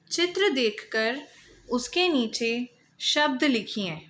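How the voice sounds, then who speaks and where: A woman teaches young children, taking her time and breaking each word into its sounds. Her voice sits a little high and rings bright and forward. She speaks unhurriedly, like a patient schoolteacher. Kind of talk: Hindi lesson for young children.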